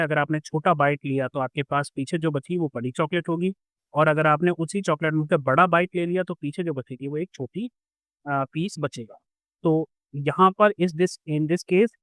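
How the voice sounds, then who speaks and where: A man's voice: fairly high pitch, a bit bright, no echo. A man teaching a school math lesson, patiently explaining step by step with everyday examples.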